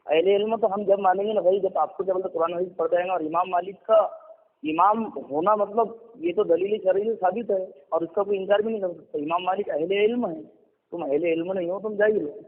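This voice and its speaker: A man with an Indian Urdu accent in a heated religious debate, scolding his opponent with many repeated fillers. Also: sits high. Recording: tinny phone line with reverb.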